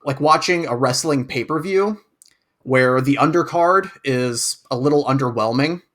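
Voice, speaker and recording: A man's voice: mid-range voice, moderate pace, fairly bright tone. A man co-hosting a podcast, chatting casually and thoughtfully over a remote call, often repeating words as he hesitates. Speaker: podcast co-host.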